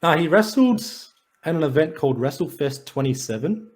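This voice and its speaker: A man's voice, on the high side and a bit fast, with lively intonation and a darkish tone. As co-host of a casual sports and wrestling podcast, he covers stats and match notes with dry humor.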